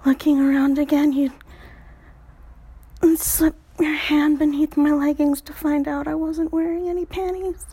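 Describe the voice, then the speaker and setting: Breathy high-voiced whispering woman. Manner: soft breathy whispering with sighs. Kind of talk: whispered intimate storytelling.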